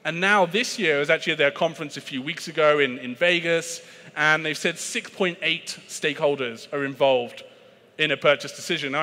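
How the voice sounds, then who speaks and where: Recorded in a large, reverberant conference hall, this British keynote on sales comes from a man with a slightly high, sharp-toned voice. He speaks chattily and mocks himself, often using fillers and restarting sentences.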